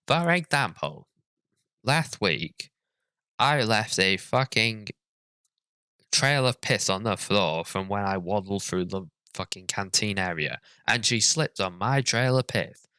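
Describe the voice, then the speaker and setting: A man's voice: lowish voice, expressive, slow, sharp tone, clear, resonant tone, no echo, exaggerated voice. A man voicing a self-pitying young writer who reads his own story in an earnest, overwrought way. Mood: gushing. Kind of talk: mocking dramatic reading.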